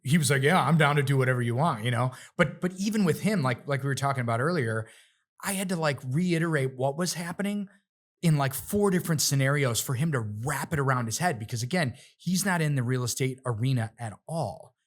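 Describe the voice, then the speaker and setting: A man who is a realtor and rapper, a guest on a podcast, telling animated stories and acting out quoted voices. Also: medium pitch, a little fast. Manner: animated storyteller, acts out quotes in other voices. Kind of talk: casual interview chat.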